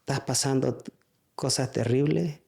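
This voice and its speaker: A man giving a spoken church testimony, halting, with frequent restarts and fillers. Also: medium pitch, creaky, darkish tone, breathy edge.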